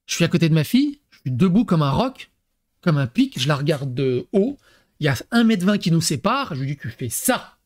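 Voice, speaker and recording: Animated, crude-talking man commentator. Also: fairly high pitch, fairly quick. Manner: animated and crude, mixing mock acting into his talk. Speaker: YouTube commentator. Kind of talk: comedic commentary on a text he reads aloud.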